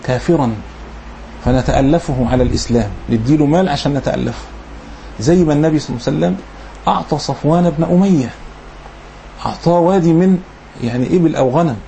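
A man's voice: fairly high pitch, fast, vocal fry, pauses often, mellow, a little hiss or hum. Egyptian man teaching a religious lesson. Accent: Egyptian Arabic. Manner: explains in colloquial asides after reading formal passages; repeats key phrases for emphasis. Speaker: Islamic lecturer.

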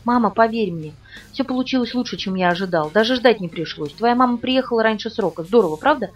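Lady reading a creepy polite male villain, calm and bossy, talks fast. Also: on the high side. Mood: cold, polite menace. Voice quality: pleasant tenor, falsely polite. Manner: calm, commanding, mocking. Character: smooth, menacing male villain on the phone. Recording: dull, distant recording with faint music.

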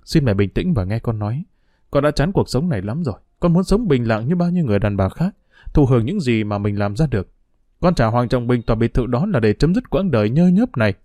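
Voicing a tired, resigned daughter who begs her mother earnestly yet holds her ground, a man reads from a storybook. His medium-pitched delivery is brisk and sing-song, captured dry and natural with studio quality.

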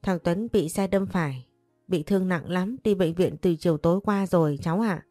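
A woman's voice: on the low side, moderate pace, mellow, dry recording, studio quality, soft background music, natural voice. A woman voicing a concerned older neighbor who breaks bad news in a plain, chatty way.

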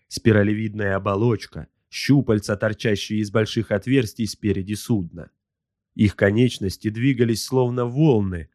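A man narrating an audiobook in an even, steady reading. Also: on the low side, no room sound, studio quality. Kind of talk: scripted narration.

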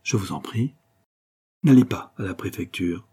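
A man doing a grave, gentle secretary. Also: low-pitched, expressive, measured pace, vocal fry, breathy edge, exaggerated voice. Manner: hesitant, respectful, sorrowful. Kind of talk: audiobook reading.

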